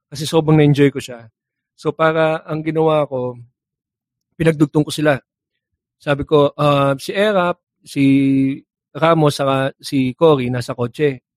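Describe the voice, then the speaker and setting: A man's voice: on the high side, steady tone, unhurried, long pauses, dry recording. A young man animatedly telling a joke story, acting out characters with sound effects and laughing at his own punchlines. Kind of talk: casual storytelling.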